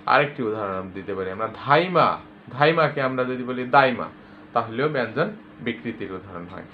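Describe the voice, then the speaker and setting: A man teaching a grammar lesson to school students, patiently explaining and repeating example words with loud stress. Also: medium pitch, lively intonation, moderate pace, slight background noise. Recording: tinny lo-fi phone-like recording.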